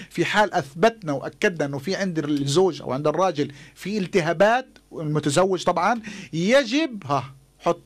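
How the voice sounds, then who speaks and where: A middle-aged man with a Palestinian Arabic accent, explaining emphatically as a doctor in a radio interview, often repeating his words. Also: sits high. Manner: emphatic, repeats words, acts out patients' questions. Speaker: doctor, studio guest. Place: small radio studio, indoors. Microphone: desk studio microphone.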